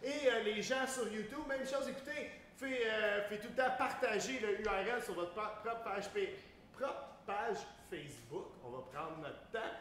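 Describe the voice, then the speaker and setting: A man's voice: sits high, unhurried, fairly bright tone. A man with a Quebec French accent hosting a live cooking stream in casual, slangy talk peppered with English exclamations. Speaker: host of a live online cooking show. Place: large catering kitchen. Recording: echoey room with faint noise.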